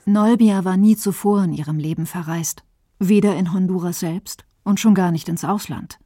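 A woman narrating a documentary report in a calm, measured way. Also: fairly low pitch, slight background noise.

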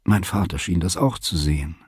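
A man narrating a literary novel in an audiobook, reading in a calm, even way. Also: low-pitched, moderate pace, husky, no echo, clean studio sound. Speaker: audiobook reader. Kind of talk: scripted narration.

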